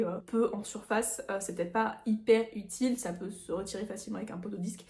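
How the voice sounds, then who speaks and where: A woman's voice: on the high side, a little mellow. A woman chatting casually through a product unboxing, rambling with fillers and little laughs. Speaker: nail artist reviewing products. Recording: echoey room.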